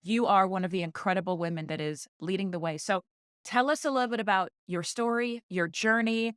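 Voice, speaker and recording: A woman's voice: mid-range voice, brisk, a bit bright, clear, resonant tone, dry recording, studio quality. A woman hosting a podcast, effusive and encouraging in a playful, casual interview chat. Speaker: podcast host.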